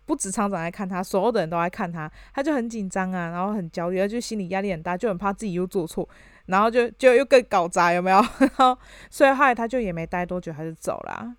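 Woman, podcast co-host, rapid chatty storyteller, dry close mic. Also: medium pitch, dry recording. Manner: animated retelling with many fillers. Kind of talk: casual conversational storytelling.

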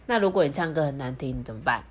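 A woman's voice: sits low, quick pace. A woman with a Taiwanese Mandarin accent and slightly slurred, non-standard pronunciation, telling stories and chatting expressively to children as a podcast host. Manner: expressive, addresses child listeners directly. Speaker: storytelling podcast host, mother. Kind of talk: children's storytelling and chat.

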